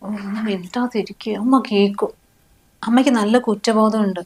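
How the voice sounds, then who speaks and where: A woman's voice: on the high side, fast talker, natural voice. An actress playing a young wife and mother who pleads with her husband in a family short film. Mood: pleading.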